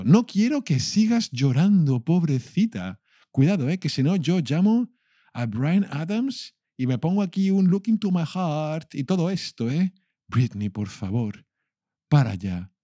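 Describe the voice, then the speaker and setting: A playful man from leads a bilingual language lesson, repeating phrases slowly. His delivery is unhurried and his pitch swings in a lively way. The recording is close and dry. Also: no echo. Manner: playful, switching between Spanish and English, repeating phrases slowly. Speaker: Spanish teacher.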